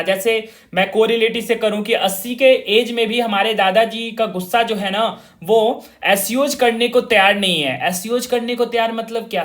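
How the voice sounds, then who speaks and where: A man with a notably high voice teaches a vocabulary class. He drills each word over and over in call-and-response, speaking to his students as children. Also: fairly bright tone. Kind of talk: informal online classroom lesson.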